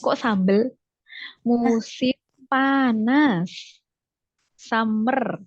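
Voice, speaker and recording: A woman teaches English one-on-one over a video call, speaking slowly and patiently. She mixes English words into her explanations and keeps encouraging her student. The call audio sounds muffled and dry. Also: medium pitch, no echo. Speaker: English tutor. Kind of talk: online one-on-one English lesson.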